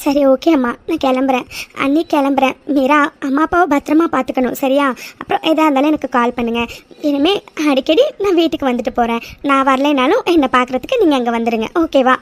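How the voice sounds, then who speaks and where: A woman's voice: sits high, fast, close to an everyday voice. A woman voicing an emotional young married woman in a cartoon drama, thanking her family. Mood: grateful.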